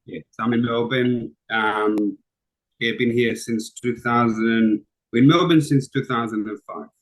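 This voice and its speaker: A man's voice: medium pitch, measured pace, poor audio. A middle-aged man from Israel, a guest talking casually on a call with frequent ums and restarts. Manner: relaxed, hesitant with frequent fillers. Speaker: interview guest. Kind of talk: casual conversation.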